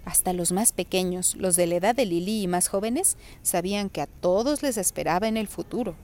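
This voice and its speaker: A woman calmly reading a chapter of a novel aloud, narrating in a steady way. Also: fairly low pitch, a little fast. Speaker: reader.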